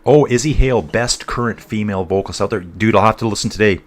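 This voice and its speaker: Speaking quickly in a lowish voice, this North East English man runs an easygoing cycling livestream. His talk drifts from race commentary to reading out the chat, and he addresses everybody as "guys" and "dude."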